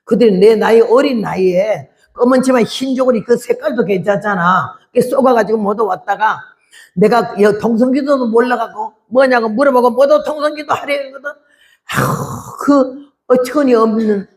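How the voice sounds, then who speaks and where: A woman in her eighties, a missionary, giving an animated testimony sermon and acting out the voices in her story. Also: on the high side. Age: 80s.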